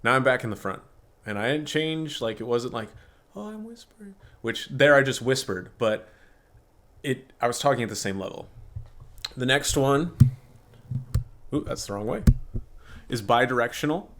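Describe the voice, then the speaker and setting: Male tech reviewer, casual and candid, mid-pitched, speaking into a desktop condenser mic. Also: normal speed, pauses often, a bit bright. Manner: candid, chatty, blunt opinions. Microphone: desktop USB condenser microphone.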